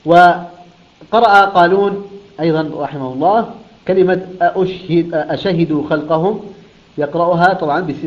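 A man's voice: fairly high pitch, muffled recording. Man teaching Quran recitation, chanting examples. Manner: explains rules, then chants example words slowly and melodically. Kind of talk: recitation lesson.

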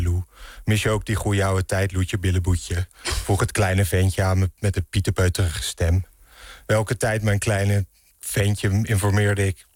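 A man's voice: deep voice, darkish tone, no room sound, studio quality. A man performing a theatrical parody of a radio host's monologue, full of sugary nicknames and mock tenderness. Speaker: podcast maker guest.

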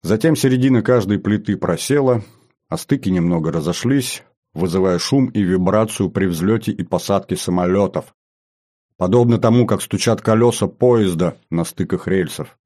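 A man reading a first-person adventure audiobook in an even, descriptive manner. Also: low voice, moderate pace. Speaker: audiobook narrator.

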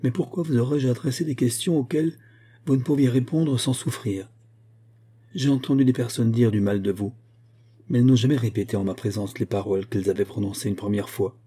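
A male audiobook reader voicing a devoted young woman who speaks gently and pleads with her father. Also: medium pitch, fairly even intonation, a little fast, husky, natural voice. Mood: tender.

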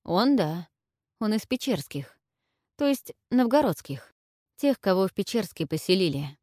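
A woman's voice: mid-range voice, sing-song, a little slow, darkish tone, no echo, studio quality. A woman voicing an earnest young male warrior in love, speaking plainly in a storybook reading.

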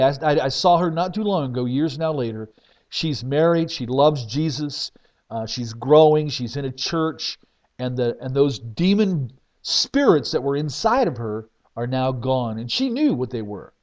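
A man preaching as a pastor, telling stories in an emphatic way with sudden swings between loud and soft. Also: mid-range voice, lively intonation, unhurried. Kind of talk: sermon testimony. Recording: dull lo-fi recording.

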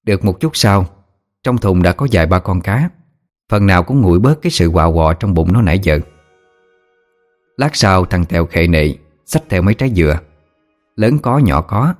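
Male audiobook narrator, Southern Vietnamese accent, lower voice, lively storytelling over faint music. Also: moderate pace, long pauses. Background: soft background music.

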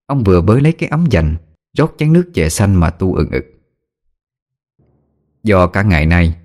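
A man narrating a scripted horror story with dramatic, expressive storytelling. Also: low voice. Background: faint music.

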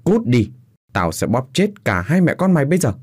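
Guy doing a nasty husband in a storybook reading, harsh and bossy, mellow low tone. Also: big pitch swings, normal speed, slightly rough, no room sound, studio quality. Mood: cold, harsh. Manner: harsh, commanding, threatening. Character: cruel cold husband demanding divorce.

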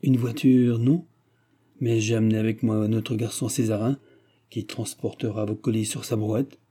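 A man's voice: fairly low pitch, level tone, normal speed, warm tone, husky. A man voicing a shy, humble provincial man who speaks timidly in a storybook reading.

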